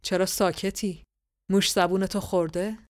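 A woman voicing Morpheus, an ancient and vengeful male king of dreams, with a raspy, ringing voice and a cold, scornful, measured way of speaking. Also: mid-range voice, steady tone, dry recording, studio quality, lightly acted.

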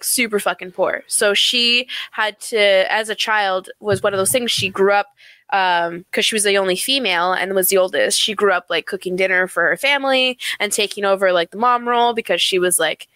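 A woman's voice: mid-range voice, normal speed, pushed and bright, no echo, rough recording. A woman co-hosting a podcast, chatting casually, laughing often and swearing freely. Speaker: podcast co-host. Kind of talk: casual chat.

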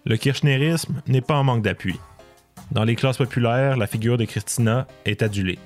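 A man delivering scripted documentary narration in a measured, explanatory way. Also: mid-range voice, darkish tone. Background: faint music.

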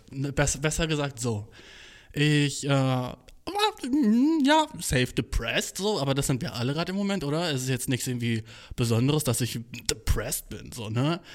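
On a makeshift home-studio setup using a cheap smartphone, a young man with a medium-pitched voice records a casual solo podcast. His talk is heavy with slang, English swearing, and constant "Bro" and "Dude."

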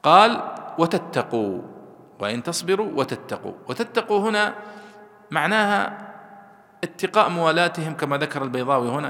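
Guy teaching a class, explains slow and careful, asks the students stuff, echoey hall sound. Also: on the high side, bright, forceful tone. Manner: explanatory, slows to spell out word forms, asks students questions. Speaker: teacher explaining Quran commentary. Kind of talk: classroom lesson commentary.

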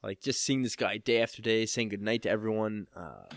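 A male podcast co-host talks casually among friends. His voice is on the low side, recorded dry with little room sound. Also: fairly quick, no echo. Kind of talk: casual chat.

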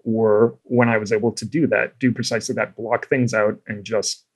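A man's voice: lowish voice, little pitch movement, moderate pace, slightly rough. A man hosting a podcast, reflective, asking probing questions and giving coaching advice. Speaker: podcast host, chess coach. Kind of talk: casual conversation.

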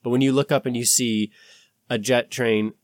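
A man's voice: medium pitch, fairly even intonation, normal speed, no echo, clean studio sound. A man talking casually as a podcast host, rambling and swearing, with an insistent, conspiratorial warning tone as he acts out imagined exchanges.

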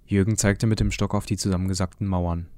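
A man narrating an audiobook in an even, calm voice. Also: low voice, fast talker, no echo. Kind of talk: audiobook reading.

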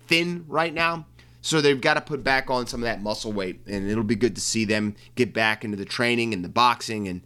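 A man's voice: medium pitch, bright, forceful tone. A man hosting a sports talk show, chatting casually about players and coaches in a joking way with frequent ums and restarts. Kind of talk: casual sports commentary monologue.

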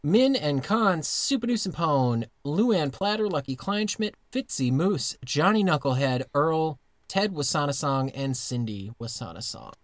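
A man's voice: a little high, lively intonation, a little slow, hardly any pauses, dry recording. Give me a rambling male podcast co-host recording inside a closet, with a dead, dry sound. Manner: rambling storyteller with many fillers and restarts. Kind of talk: casual comedic chat.

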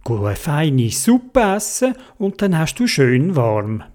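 A storyteller shouting as a bossy young sled leader. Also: medium pitch, very animated, takes it slowly. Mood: kind. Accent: Swiss German. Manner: calling out, bossy.

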